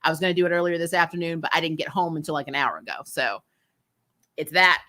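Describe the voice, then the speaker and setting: Her voice sits low yet sounds bright and forceful, and she talks fast. She hosts a TV review vlog, offering a casual, opinionated recap and rant that is blunt, sarcastic, exasperated and laced with some swearing.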